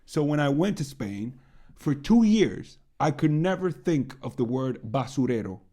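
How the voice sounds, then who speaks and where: A man's voice: fairly high pitch, a little slow. Dominican man telling stories on a podcast. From Dominican Republic. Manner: animated storytelling, acts out quoted exchanges. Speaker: podcast co-host. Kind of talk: casual bilingual podcast chat.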